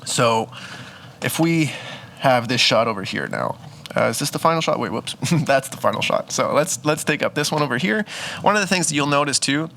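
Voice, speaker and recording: A man's voice: medium pitch, sing-song, normal speed, vocal fry, pushed and bright, slight background noise. A man, a photographer, walking through his photo edits in a casual, chatty tutorial, thinking aloud and correcting himself as he goes. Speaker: photographer teaching photo editing. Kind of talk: casual screen-recorded editing tutorial.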